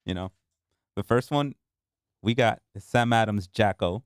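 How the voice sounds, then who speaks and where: A man's voice: on the low side, clean tone, no echo, clean studio sound. A man co-hosting a casual podcast, joking and laughing with the others. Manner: quick, laughing banter. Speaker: co-host. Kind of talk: casual chat.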